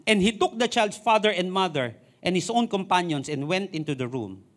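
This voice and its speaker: A man with a Filipino accent preaching a sermon, mixing Tagalog and English and slowing down to read scripture verses. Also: sits high, lively intonation. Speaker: pastor.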